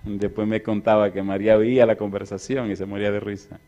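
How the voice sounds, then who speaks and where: A preacher giving a sermon, firing repeated rhetorical questions at his audience and swinging from loud declarations to quiet, slower passages. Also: lowish voice, little pitch movement, lo-fi sound, a little hiss or hum. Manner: tells homey personal stories with humor.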